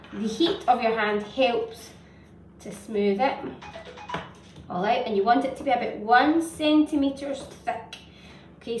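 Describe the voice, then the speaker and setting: A woman hosting a baking demonstration for children, giving simple, encouraging step-by-step instructions. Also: on the high side. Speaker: host of a children's baking show. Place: indoor home kitchen. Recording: echoey noisy kitchen, distant mic, utensil clatter.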